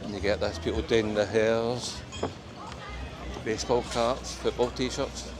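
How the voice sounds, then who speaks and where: A Scottish travel vlogger with a broad accent rambles casually on a walking tour of a bustling seaside promenade, peppering his talk with ums, wee and aye. His voice is on the low side, flat and measured. The recording is noisy with crowd chatter and festival music.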